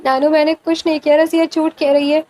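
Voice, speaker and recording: A woman's voice: high-pitched, little pitch movement, darkish tone, lightly acted. A woman voicing a crying accused young wife. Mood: distressed. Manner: crying, pleading.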